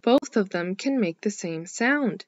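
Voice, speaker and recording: A woman teaching a scripted phonics lesson for young children, speaking slowly and clearly in an encouraging way. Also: mid-range voice, expressive, muffled recording. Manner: slow, clearly enunciated, encouraging.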